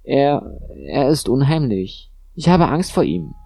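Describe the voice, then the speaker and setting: A man's voice: animated, moderate pace, a little mellow, husky, dry recording. A man voicing a frightened, pleading woman patient in an audiobook, in a raised anxious voice. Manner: anxious, pleading, high-pitched. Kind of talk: audiobook narration.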